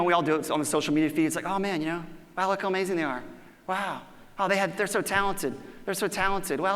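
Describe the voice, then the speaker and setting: A man giving a motivational conference talk, animated and acting out voices when he quotes people. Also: high-pitched. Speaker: conference speaker. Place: large conference hall. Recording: reverberant conference hall.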